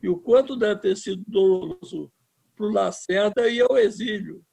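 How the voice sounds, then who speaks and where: A Brazilian filmmaker in his seventies speaks in a political interview with impassioned, emphatic talk, restarting words. His voice is high, husky and darkish, with vocal fry, at a moderate pace.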